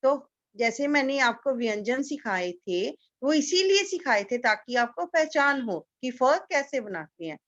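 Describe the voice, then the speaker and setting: A woman teacher giving a slow, patient lesson to young children, repeating each word so they can echo it. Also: high voice, very animated, a bit bright, muffled recording. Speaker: kindergarten teacher.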